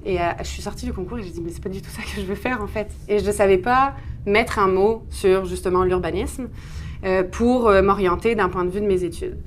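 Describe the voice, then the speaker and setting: Brisk and medium-pitched, a woman in her thirties from France speaks with a French accent as an interview guest. The urban planner talks at length about her own experiences in a conversational, self-deprecating manner, with slight background noise.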